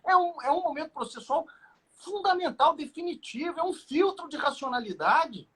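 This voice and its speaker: A man's voice: extremely high pitch, lively intonation, moderate pace, sharp tone. A middle-aged Brazilian man, a defense lawyer, explaining a legal argument in conversation, with emphasis, rhetorical questions and a story from his childhood. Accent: Brazilian Portuguese.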